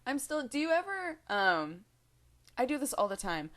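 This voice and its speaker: A woman's voice: sits high, sing-song, normal speed, a bit bright. A woman in her twenties talking casually to the camera in a rambling vlog, chatty and giggly, full of fillers and restarts. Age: 20s. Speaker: video blogger.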